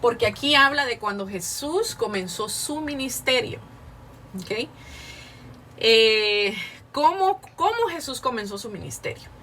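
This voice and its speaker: A woman leads a casual Bible lesson in a high, bright voice. She reads and explains passages earnestly, often pausing to check in with her listeners. She sounds a little distant from the microphone. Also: animated, a little hiss or hum. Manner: earnest, frequent filler sounds and restarts, rhetorical tag questions. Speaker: Bible class teacher. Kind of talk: informal Bible lesson, reading aloud and explaining.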